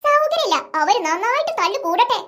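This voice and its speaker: A performer voicing a strict, sharp-tongued mother in a cartoon, nagging and sarcastic toward her husband. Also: very high-pitched, sing-song, brisk, full character voice. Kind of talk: cartoon voice acting.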